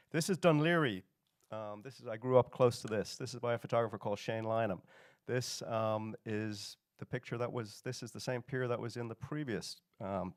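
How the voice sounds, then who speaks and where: A man's voice: lowish voice, dry recording, clean studio sound. A middle-aged man with an Irish accent, giving an informal, rambling storytelling talk as a presenter. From Dublin, Ireland. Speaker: photographer and director giving a presentation.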